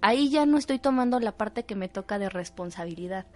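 A woman co-hosting a psychology talk show, explaining in an animated way and acting out short exchanges. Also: medium pitch, a little fast. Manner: animated, acts out little dialogues while explaining. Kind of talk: conversational talk-show discussion.

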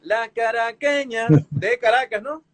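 A man's voice: very high voice, unhurried, fairly bright tone. A man hosting an interview in a jovial, chatty, teasing way. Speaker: interview host. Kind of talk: casual interview.

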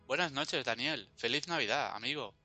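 A man's voice: mid-range voice, normal speed, pushed and bright. A man from Spain acting a reluctant, grumbling friend in a radio drama. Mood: friendly. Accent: Spanish from Spain. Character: reluctant, uneasy young adult male friend. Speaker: friend at a Christmas gathering. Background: faint background music.

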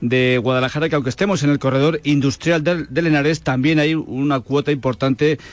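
A man's voice: on the high side, fairly even intonation. Male radio correspondent on a dull line. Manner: measured reporting with hesitant "eh" pauses. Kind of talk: news report.

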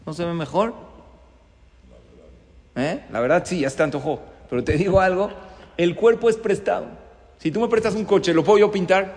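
In the study hall of a synagogue, long reverb surrounds a middle-aged rabbi's sermon, a story full of rhetorical questions. He has a high, darkish male voice, speaks at normal speed and pauses often.

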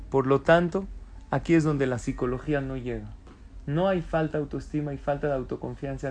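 A man's voice: a little high, slight background noise. A man giving a Torah lecture, throwing rhetorical questions at his audience and answering them himself. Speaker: rabbi lecturer.

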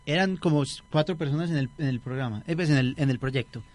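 A young man co-hosts a casual student radio chat, and his voice sits a little on the high side. He tells stories loosely and acts out the people in them. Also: fast talker. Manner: storytelling, acts out quoted voices. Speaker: radio show co-host.

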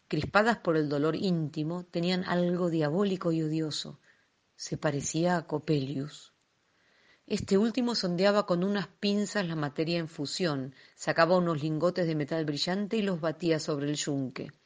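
A woman reading a classic tale aloud in a measured, expressive storytelling manner. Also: sits low. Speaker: reader.

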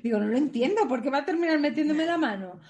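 A woman's voice: sits high, expressive, fast, a little mellow. Cheeky, bawdy woman co-host. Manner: bawdy, joking, frequent laughter. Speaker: podcast co-host. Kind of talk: casual chat.

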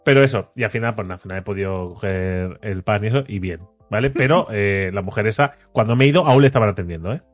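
A young man from telling a lively anecdote in casual chat, mimicking people he met. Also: on the low side, quick pace, few pauses, soft background music. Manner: animated storyteller, mimics voices of people in the queue.

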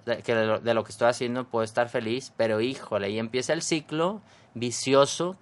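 A man with a Mexican accent hosting a podcast, talking casually and animatedly in a motivational monologue, mocking himself and acting out his own inner voice. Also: mid-range voice. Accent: Mexican Spanish. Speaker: podcast host.

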